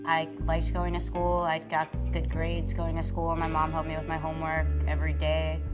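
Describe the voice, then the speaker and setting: A nineteen-year-old woman from Brooklyn, New York, speaking casually in a documentary interview. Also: low-pitched. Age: teens. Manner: casual, many "like"s. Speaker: former student interviewee.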